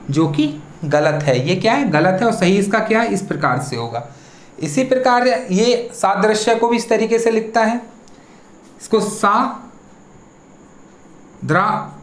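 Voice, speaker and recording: A teacher runs an exam-prep spelling lesson at a middle pitch. The teacher poses questions and answers each one, breaking words into syllables. The voice rings in a roomy, echoing space. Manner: rhetorical questions, then the answer. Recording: echoey room.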